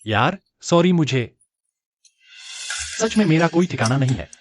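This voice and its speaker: An actor playing a poor, sensitive young male writer in a dubbed short drama, expressive and earnest. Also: a little high, unhurried, dry recording, clean studio sound, soft background music. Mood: gentle.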